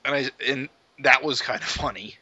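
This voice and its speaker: A man talking casually about comics on a podcast, giving brief replies and steady explanations. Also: medium pitch, moderate pace, slightly rough, no echo, muffled recording.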